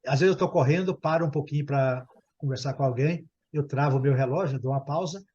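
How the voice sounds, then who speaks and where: A middle-aged Brazilian man with a Brazilian Portuguese accent, teaching a group English lesson and repeating English words slowly for his students. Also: a little high, dark tone, breathy edge, dull audio.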